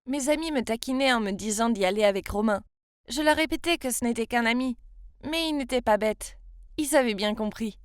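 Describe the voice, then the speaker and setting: Woman in her 20s from France, confiding first-person narration, fairly high voice, dry close sound. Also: a little fast, clear, resonant tone, no room sound. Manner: confiding, emotional storytelling.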